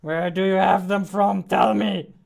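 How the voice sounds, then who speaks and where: A game developer in his twenties streams his daily devlog from a small dark room, chatting playfully with viewers as he plays and responding to the chat excitedly. His high voice is a little slow and gravelly. He wears headphones and uses a studio mic on a boom arm.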